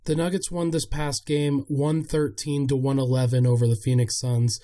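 A man delivers sports podcast commentary in a dark, muted tone. His voice is gravelly and hoarse, audibly worn out by illness, as he hosts and breaks down the game. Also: medium pitch, level tone, moderate pace. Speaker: podcast host.

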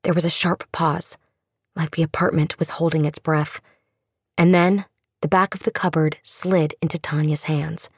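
A woman's voice: low voice, little pitch movement, moderate pace, slightly rough, no room sound. A woman reading a scripted, dramatic fiction narration as an audiobook narrator.

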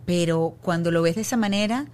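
Soft-spoken middle-aged woman, reflective. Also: on the low side, fairly quick, smooth. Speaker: guest. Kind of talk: casual conversation.

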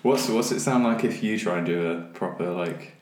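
A man co-hosting a podcast in casual chat, joking and crude and quick to laugh. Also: low voice, a little mellow. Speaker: podcast co-host. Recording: roomy echo.

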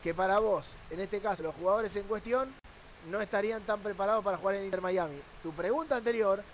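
A man's voice: high-pitched, brisk, slight background noise. A man with an Argentine accent, a sports journalist arguing his point on a football talk panel with rhetorical questions.

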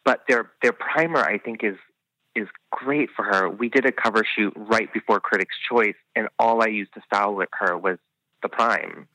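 A man's voice: fairly low pitch, moderate pace, sharp tone, dry recording, poor audio. A man who works as a hairstylist, chatting enthusiastically as a podcast guest, full of "I mean" and "you know". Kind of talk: casual podcast interview chat.

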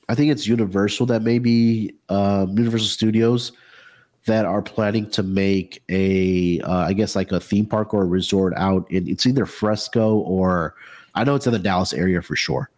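A man's voice: on the low side, normal speed. A man hosting a casual sports betting talk, sounding under the weather with a froggy, congested voice. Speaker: sports betting show host.

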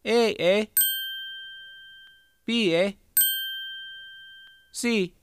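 A man's voice: high-pitched, extremely slow, background noise, pitched above the performer's own voice. A man putting on a dim, cheerful Canadian character with a Canadian accent, who answers in a sing-song way and ends phrases with a questioning "eh". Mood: dopey.

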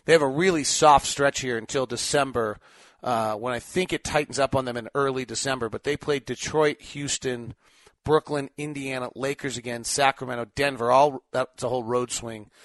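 A man's voice: medium pitch, steady tone, moderate pace, fairly bright tone, dry recording. A man hosting a sports podcast, giving unscripted commentary and thinking aloud in short, clipped assessments.

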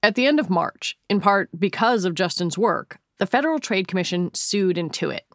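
A woman's voice: medium pitch, expressive, normal speed, no echo, studio quality. A woman with an American accent presenting a podcast as host, in scripted narration.

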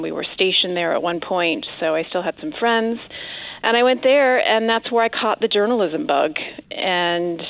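A woman in her fifties, a TV news anchor, telling her story in an interview at a thoughtful pace with frequent pauses. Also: on the low side, no room sound. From born in the Philippines, raised in many countries. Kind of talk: casual interview conversation. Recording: tinny phone line, dry.

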